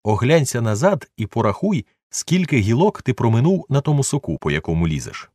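A man doing a feverish, commanding gentleman. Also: medium pitch, very animated, fairly quick, no echo, clean studio sound, pitched above the performer's own voice. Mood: urgent. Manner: urgent, commanding. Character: excitable eccentric gentleman obsessed with treasure.

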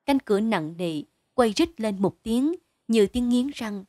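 Woman narrating a short story, measured. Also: on the high side, lively intonation, warm tone, dry recording. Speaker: audiobook narrator.

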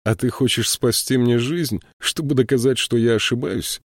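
A man voicing a small, stubborn male troll who calmly holds to his oath in an audiobook. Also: mid-range voice, moderate pace, dry recording, studio quality, voice pushed up, natural voice. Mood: firm. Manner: calm, firm, quietly resolute.

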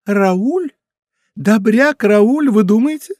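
A man voicing a lively, gossipy young court lady in an audiobook, exclaiming in a raised voice. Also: normal speed, no echo, studio quality. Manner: excitable, exclaiming, higher put-on pitch. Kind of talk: audiobook character voice.

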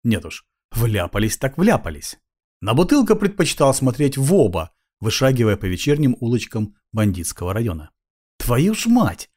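A man narrating an audiobook in a lively, ironic storytelling manner. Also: mid-range voice, normal speed.

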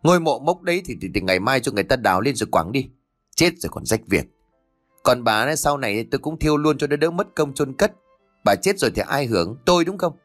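A man's voice: medium pitch, very animated, fast, dry recording, faint music behind, pitched above the performer's own voice. A man voicing a cruel, greedy young son. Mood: contemptuous. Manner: snarling, contemptuous, shouting. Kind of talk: audiobook character reading.

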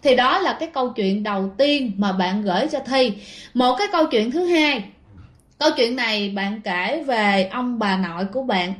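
A woman's voice: a little high, normal speed. A woman narrating a ghost story in a casual, chatty way, talking straight to her listeners with plenty of fillers. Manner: chatty, addresses listeners directly, many fillers.

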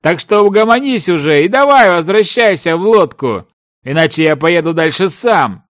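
A man doing a shouting, scolding desert merchant. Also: on the high side, huge pitch swings, normal speed, voice pushed up. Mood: angry scolding. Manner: loud, shouting, mocking.

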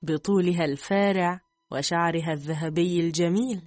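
A male narrator voicing a chatty young maid who gossips with a giggle, in a high voice. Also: steady tone, moderate pace, no echo, faint music behind, natural voice. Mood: gossipy.

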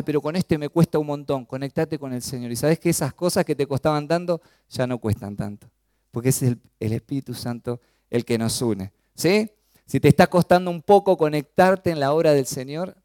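Animated Argentine preacher, dry sound. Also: male voice, moderate pace, dry recording. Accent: Argentine Spanish. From Chaco, Argentina. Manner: animated preaching, rising to emphatic peaks then dropping low. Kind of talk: sermon.

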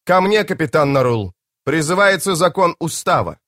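A man's voice: on the high side, lively intonation, normal speed, a bit bright, dry recording, clean studio sound, voice pushed up. A male audiobook reader voicing a stern, formal knight commander who speaks in clipped phrases. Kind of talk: audiobook character voice.

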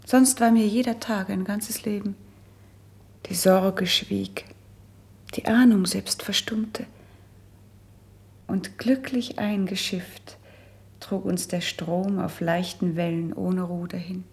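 In a classical verse radio drama, an actress voices a young princess who has been sickly since youth, melancholy and resigned. Her mid-range female voice is breathy and husky, hushed and measured, holding a steady tone full of sorrowful longing.

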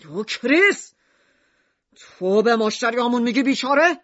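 A woman voicing a gruff, stern middle-aged male shopkeeper who is easily exasperated. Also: low voice, dry recording, faint music behind, voice pushed down. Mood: indignant. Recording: dull lo-fi audiobook recording.

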